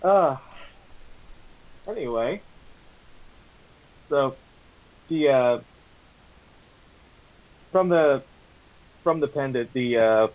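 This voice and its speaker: Tabletop player, man, casual and halting, slow speech with expressive swings. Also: mid-range voice, narrow, tinny audio. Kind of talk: casual, halting game talk.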